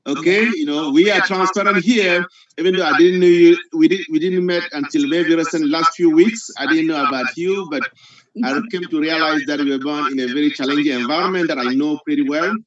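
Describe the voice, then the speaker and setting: A man from Cameroon with a fairly high voice speaks haltingly, filling his pauses with "uh". He jokes lightly as he puts his question over the video call. The sound is dull and lo-fi. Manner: halting, many "uh"s, joking. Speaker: conference guest asking questions.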